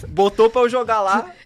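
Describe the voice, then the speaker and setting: A young man from Brazil, a podcast co-host telling animated stories with laughter in casual chat. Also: very high-pitched. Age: young adult.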